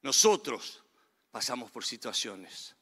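A man's voice: medium pitch, sing-song, slow, sharp tone, slightly rough. A man preaching a sermon as pastor, earnest and emphatic, his delivery swelling and falling back. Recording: long reverb of a large hall.

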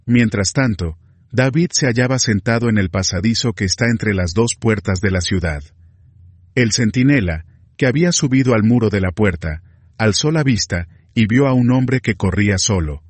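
A man narrates a scripture story with a husky, low voice. His reading is measured and even. The sound is dry and close, with no room echo.

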